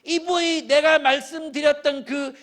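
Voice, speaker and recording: A pastor voicing a rowdy middle-aged man who boasts loudly in slow, drawn-out bursts. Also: very high-pitched, fairly even intonation, pitched above the performer's own voice. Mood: boastful.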